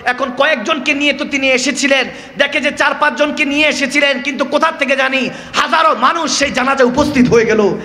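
High-pitched preacher echoing through a hall. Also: male voice, bright, forceful tone, slight background noise. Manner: sings verses in a drawn-out chant, cries out in emotional bursts. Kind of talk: impassioned sermon storytelling. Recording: echoey hall with long reverb.

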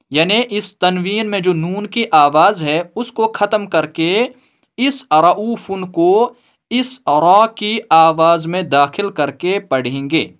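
A man's voice: high-pitched, fairly bright tone. A man teaching recitation rules, patiently explaining each step and then modelling the recited phrases.

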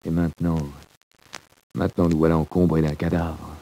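A man's voice: extremely low pitch, flat delivery, normal speed, warm tone, slight background noise. An actor playing a proud, weary, hardened male convict in a 1940s radio drama, grave and bitter.

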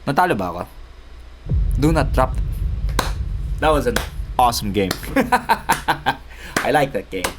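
A man doing let's play commentary, excitable, yelping and shouting in panic, mixing Tagalog and English. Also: mid-range voice, slow pace, pauses often, background noise. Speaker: gaming YouTuber.

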